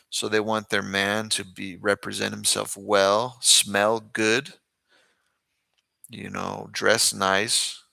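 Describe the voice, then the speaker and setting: A man's voice: on the low side, vocal fry, sharp tone, no echo. A man from the United States chatting casually and informally as host, speaking directly to his viewers. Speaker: host, boxing club trainer. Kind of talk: casual livestream chat.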